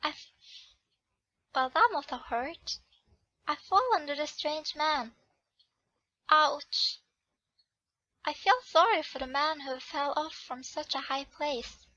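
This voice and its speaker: Slow, bright-voiced woman narrating a game. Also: high-pitched, expressive, no room sound, highs cut off. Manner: reads the heroine's lines, corrects herself aloud. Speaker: channel host reading a game. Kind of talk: live narration of a romance visual novel.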